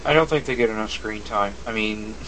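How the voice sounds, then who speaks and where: A man's voice: on the low side, a little fast, pushed and bright, a little hiss or hum, low-quality recording. A man co-hosting a casual podcast, giving his views on a video game in a chatty, hedging way. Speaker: podcast co-host.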